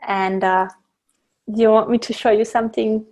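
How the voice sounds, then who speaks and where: A woman's voice: medium pitch, little pitch movement, moderate pace, darkish tone. A woman teaching a live online class on blending essential oils. She explains step by step, with frequent fillers and restarts, over a video call. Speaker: guest presenter teaching essential oil blending.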